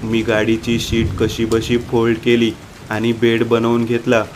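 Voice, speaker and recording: A man narrating a horror story in an even, unhurried way. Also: medium pitch, a little hiss or hum.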